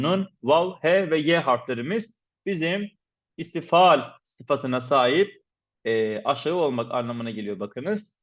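Man teaching slow pronunciation drills. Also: on the high side. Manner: patient, repeats syllables slowly to demonstrate; addresses viewers formally as respected teachers. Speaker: Quran recitation teacher. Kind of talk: instructional lesson. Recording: dull lo-fi recording.

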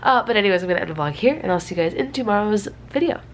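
Racing along in an expressive, mid-range voice, a twentysomething vlogger with a cold-stuffed nose chats to camera from a small bedroom, rambling and self-deprecating. Faint room noise sits in the background.

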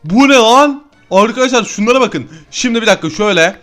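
A young man giving excited let's-play commentary to his viewers, exclaiming at every new find and talking straight to his audience. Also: extremely high pitch, fast talker, soft background music. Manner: excitable, keeps addressing viewers as friends. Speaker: gaming YouTuber.

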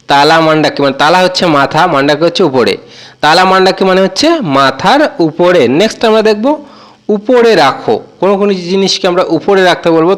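Man slowly teaching words in casual lessons. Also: high voice. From Bengal. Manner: slow, drawn-out repetition of taught words. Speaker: language teacher, channel host. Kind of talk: casual spoken language lesson.

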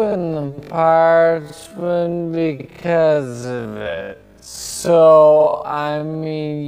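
A middle-aged man hosting a post-game sports analysis show from a TV studio desk on a lapel mic, heard in slowed-down playback. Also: a little high, a little mellow. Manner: steers the show, hands questions to the analysts. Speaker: studio host.

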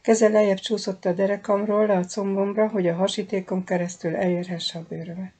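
A woman reading a first-person novel aloud as an audiobook, soft, intimate and measured. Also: medium pitch, flat delivery, breathy edge. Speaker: audiobook reader.

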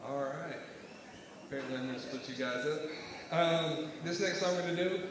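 A man's voice: a little high, a little fast, distant mic. A man on stage at a concert, playfully coaxing the audience into a call-and-response before a song. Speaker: singer leading the audience. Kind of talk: call-and-response crowd warm-up. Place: large concert hall. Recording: echoey hall from afar with noise.

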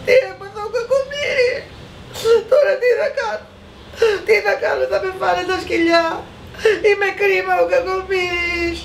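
A woman's voice: steady tone, hardly any pauses, a little hiss or hum, close to an everyday voice. A woman doing a sobbing chubby little boy. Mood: sobbing, scared. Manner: high sobbing whine. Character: crying chubby little boy Petros, frightened.

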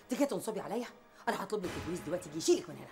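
An actress playing a haughty rich wife with an Egyptian accent, her lowish voice swooping wildly as she snaps. She talks very fast over soft music. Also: lively intonation, lightly acted. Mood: outraged. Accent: Egyptian Arabic. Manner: snappish, screeching when enraged. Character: haughty wealthy woman, quick to anger. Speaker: wealthy wife of the house.

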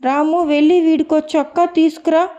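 A woman reading the lines of a kind, dignified older mother in an audio story, speaking gently and affectionately. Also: sits high, level tone, moderate pace, highs cut off, voice pushed up, natural voice. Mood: warm, tender. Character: kind, dignified older mother welcoming her son's bride. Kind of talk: audiobook character dialogue.

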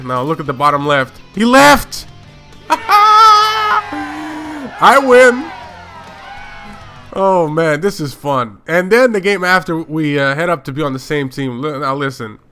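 Young male gamer, bright trash-talking commentary voice, faint music under it. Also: fairly high pitch, fairly quick, hardly any pauses. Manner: excitable trash-talking, slangy, swears, laughs often. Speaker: gaming YouTuber. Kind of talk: gameplay commentary.

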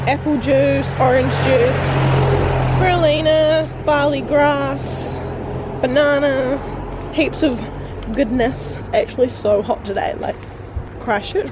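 A woman's voice: high voice, noisy background. A young woman with a New Zealand accent, chatting upbeat to camera as a vlogger. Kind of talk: casual vlog narration.

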